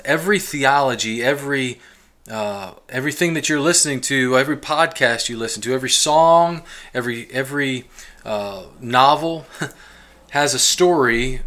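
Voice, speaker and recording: Male podcaster in his forties with a bright voice and a rambling, restart-heavy manner. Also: medium pitch. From Ohio and Kentucky, US. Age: 40s. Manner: rambling, many restarts and fillers, chuckles often. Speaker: podcast host. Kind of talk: casual personal monologue.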